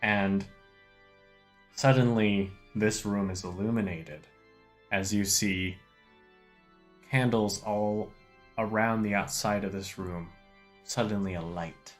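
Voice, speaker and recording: A man's voice: fairly low pitch, steady tone, takes it slowly, long pauses, faint music behind. A man narrating an improvised tabletop game as the game master.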